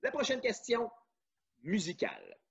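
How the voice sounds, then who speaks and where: Slow, lively quiz host with husky voice. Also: male voice, high-pitched. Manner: reads questions and answer choices slowly. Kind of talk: family quiz presentation. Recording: dull lo-fi sound.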